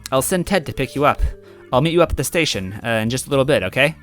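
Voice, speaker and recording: A man voicing an excitable young female archaeologist who stammers and gushes. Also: medium pitch, fast, soft background music, voice pushed up, natural voice. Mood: gushing. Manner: stammering, gushing.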